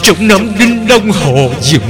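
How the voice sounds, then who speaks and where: Male narrator as a heartbroken young mother in a horror audiobook, tearful and begging, pitch swinging, slow delivery, music underneath. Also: very animated, exaggerated voice. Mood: desperate. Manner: pleading, tearful. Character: grieving young mother pleading with a ghost.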